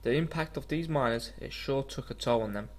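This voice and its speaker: Guy doing voice-over for his walking trip video, earnest, bit stumbly reading, mid pitched voice. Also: a little fast. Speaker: vlogger narrating a walking trip. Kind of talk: scripted travel documentary voice-over.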